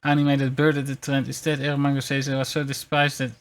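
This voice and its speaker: A streamer of unclear sex chatting casually in a hesitant, rambling way and reading bits aloud, with a mid-pitched voice. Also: completely flat delivery, brisk. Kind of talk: casual livestream chat, reading articles aloud. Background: background music.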